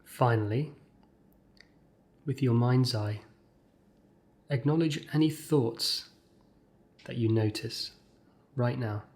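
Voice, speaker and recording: Speaking at a medium pitch, a man leads a scripted guided meditation, using measured short phrases broken by gentle pauses.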